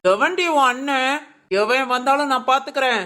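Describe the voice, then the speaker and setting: A woman's voice: high-pitched, moderate pace, sharp tone. A woman voicing a domineering, scheming village mother-in-law who scolds and gives orders in a family drama. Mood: furious scolding.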